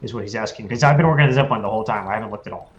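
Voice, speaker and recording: A man's voice: fairly low pitch, racing, slight background noise. Man relaying questions on a muffled call. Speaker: tabletop game player. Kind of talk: casual online game chat. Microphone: video call.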